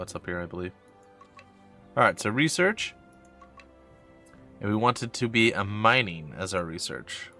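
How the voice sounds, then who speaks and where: A lowish, fairly bright male voice, clogged up by a cold, belongs to a gameplay commentator who reads the tutorial on screen aloud. He thinks out loud as he plays, reacting to what he reads with slight bewilderment in a casual way.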